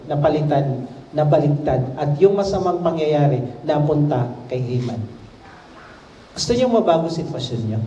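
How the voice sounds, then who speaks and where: Animated Filipino preacher in echoey hall. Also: male voice, a little high, slight background noise. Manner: animated storytelling, acting out characters' lines; asks the congregation questions directly. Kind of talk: sermon retelling a Bible story. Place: church hall. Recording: echoey hall, mic at a distance.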